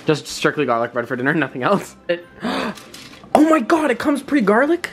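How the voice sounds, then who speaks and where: A young man hosting a casual vlog, chatty and playful with quick asides. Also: sits high, huge pitch swings, fairly bright tone, soft background music. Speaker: vlogger host.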